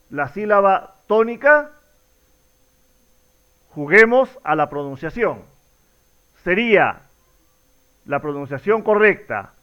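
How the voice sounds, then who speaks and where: A male teacher talks slowly to his students, leaning hard on single syllables and drawing them out. His voice sits high and swoops up and down, smooth and clear. The recording sounds dull and lo-fi. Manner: slow, drawn-out words with strong stress to show the stressed syllable; addresses students directly, repeating each question. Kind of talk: recorded classroom lesson.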